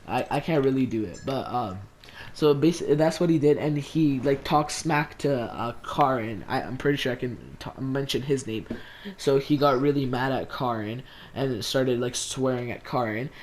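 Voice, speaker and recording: Teen guy vlogger, rambling storytime, mid-pitched voice. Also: moderate pace, a little hiss or hum. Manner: rambling, heavy use of "like". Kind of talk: casual storytime.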